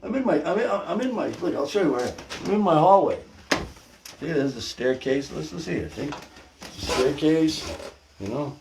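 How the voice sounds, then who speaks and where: An older man hosting a casual livestream podcast from his hallway at home, talking to viewers in an animated, folksy way through a propped-up phone. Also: on the high side, fairly quick, background noise. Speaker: podcast host. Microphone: phone or camera propped on a stand. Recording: echoey hallway with music playing.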